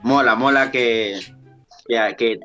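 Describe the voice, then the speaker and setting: A man's voice: medium pitch, takes it slowly, pushed and bright, faint music behind. A man in his thirties from Ecuador with an Ecuadorian accent, a dancer chatting as a podcast guest, rambling with many restarts. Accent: Ecuadorian Spanish. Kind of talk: casual podcast interview.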